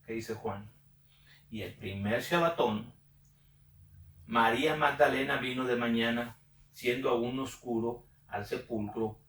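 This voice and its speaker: A man's voice: medium pitch, measured pace, pauses often, a bit bright. A man leading a Bible study, reading passages aloud and then explaining them, checking in with his listeners through frequent questions. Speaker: Bible teacher. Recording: roomy echo, distant mic.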